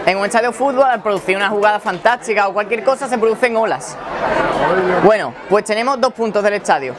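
A man's voice: sits high, fast talker. Young man explaining a science demo. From Spain. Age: young adult. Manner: eager, explanatory, with self-corrections. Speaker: student presenter. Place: indoor exhibit room with wood walls. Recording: loud crowd and noise behind.

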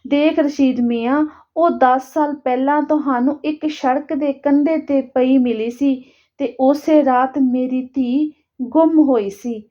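A woman's voice: high-pitched, steady tone, measured pace, warm tone, highs cut off. Woman voicing Janta, a pleading grieving father. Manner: pleading, tearful.

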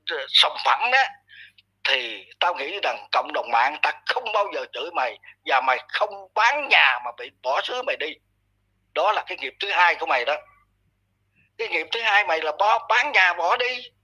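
Male commentator, husky and sharp-edged, blunt scolding rant, talks down to his target. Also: fairly high pitch, rough recording. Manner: blunt, scolding, addresses listener harshly. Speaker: online commentator. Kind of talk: ranting commentary monologue.

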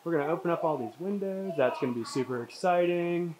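A distillery owner gives a casual, upbeat tour of a large empty old mill, chatting with the people around her and repeatedly calling them by name. Her voice is on the low side and expressive, she talks fast, and there's background noise.

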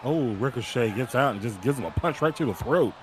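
A man's voice: mid-range voice, animated, a little fast, noisy background. A young man giving short colour reactions as a wrestling co-commentator on a game stream. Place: indoor room with posters. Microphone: boom mic, headset, video call. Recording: loud game music and crowd behind.

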